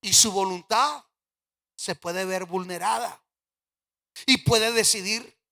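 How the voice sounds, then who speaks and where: A man preaching a sermon as pastor, swinging from loud emphatic declarations to quiet, low asides. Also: slow pace, vocal fry. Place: church sanctuary. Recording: church hall with long reverb.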